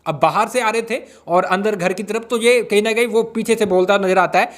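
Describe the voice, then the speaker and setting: ऊँची आवाज़ वाला पुरुष यूट्यूबर, गपशप भरी अपडेट नाटकीय ढंग से सुनाता है. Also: male voice, high voice, a little fast. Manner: dramatic, hypes up the news and re-enacts quarrels. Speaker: YouTuber giving reality show updates. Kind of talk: excited gossip recap.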